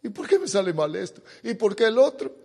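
A man's voice: high-pitched, sing-song, brisk, gravelly, darkish tone. A man preaching a sermon, pressing points with rhetorical questions and drawing out the words he stresses. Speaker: pastor. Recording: long hall reverb.

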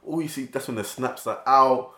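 A man's voice: mid-range voice, normal speed, crowd noise. London roadman-accented man in an echoey room. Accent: London, urban roadman slang. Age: early 20s. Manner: slangy, blunt. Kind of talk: casual podcast banter.

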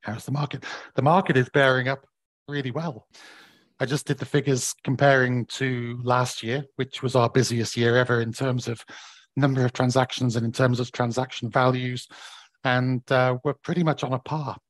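A man with a croaky, hoarse, still-recovering voice, explaining things haltingly as a company director being interviewed. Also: mid-range voice, little pitch movement, no room sound. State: voice recovering from bruised vocal cords. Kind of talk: conversational market update interview.

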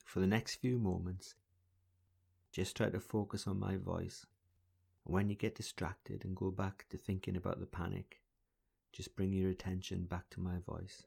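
Deep gravelly man guiding slow breathing. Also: darkish tone. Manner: slow, soothing, deliberate counting. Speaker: guided breathing instructor. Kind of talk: calm guided relaxation exercise.

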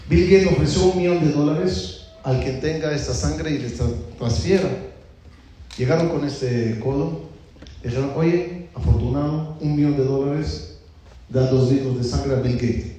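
A rabbi telling jokes to an audience, his voice jumping high when he acts out lines. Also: unhurried. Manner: lively storytelling that jumps high when acting out lines. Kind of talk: humorous talk to an audience. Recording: very echoey hall.

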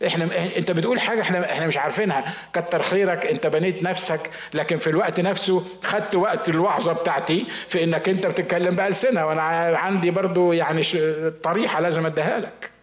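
Man, pastor, Egyptian Arabic accent, rapid conversational preaching, rhetorical questions, echoey hall. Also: fairly high pitch, steady tone. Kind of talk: sermon.

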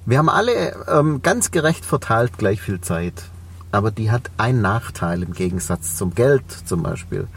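This podcast guest, who owns a cleaning company, is a man in his forties with a Swabian German accent, speaking reflectively and filling gaps with many fillers. His lowish voice is very animated at a normal speed, captured from a distance with a bit of hiss or hum.

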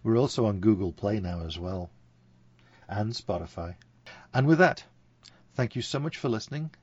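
A man's voice: lowish voice, animated, moderate pace, darkish tone, slightly rough, no echo, muffled recording. A man hosting a podcast, chatty and enthusiastic about food and beer. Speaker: podcast host. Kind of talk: casual chat.

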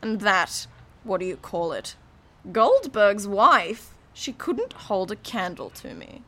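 A woman's voice: medium pitch, huge pitch swings, slow pace, pushed and bright, full character voice. A woman reading the part of a snobbish, proud, senile old woman in an audiobook, with a scornful, boastful manner. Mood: haughty, scornful.

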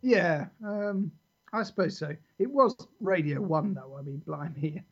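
A man's voice: on the high side, measured pace, breathy edge. A man co-hosting a casual podcast chat, jokey and rambling. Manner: jokey, rambling, reads lyrics aloud with laughs. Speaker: podcast co-host. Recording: dull lo-fi podcast audio.

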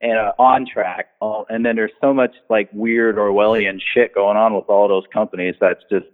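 A man telling a rambling, animated work story in casual chat, full of fillers and restarts. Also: fairly low pitch, moderate pace. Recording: tinny phone-like sound.

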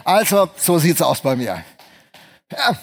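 Husky, animated male preacher. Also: on the high side, slow. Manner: animated, swings between hushed and loud voices. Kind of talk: lively sermon with acted voices.

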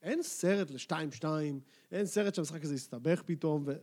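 A man co-hosting a casual sports podcast, making measured, analytical points. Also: fairly high pitch, darkish tone. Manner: measured, analytical, builds arguments step by step. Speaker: podcast co-host.

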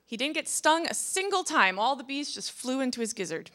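A woman telling a children's story to a congregation, animated and inviting listeners to join in. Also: high voice, brisk.

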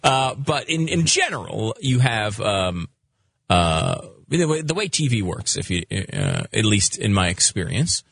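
Man, talk radio co-host, husky, low-ish voice, casual long-winded explaining. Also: very animated, measured pace, a bit bright. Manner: explains at length, frequent fillers.

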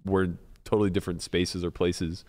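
A man's voice: sits low, flat delivery, a little fast, darkish tone. A man talking candidly in a casual podcast chat, rambling a little with fillers and restarts.

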